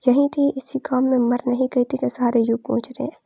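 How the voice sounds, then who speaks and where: A woman doing a fiery young woman from a storybook, defiant and scolding. She sounds high yet dark-toned and gravelly, with a husky edge. The recording is dry and close. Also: flat delivery, a little fast, no echo, heavily acted. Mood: furious. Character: angry, sharp-tongued young woman.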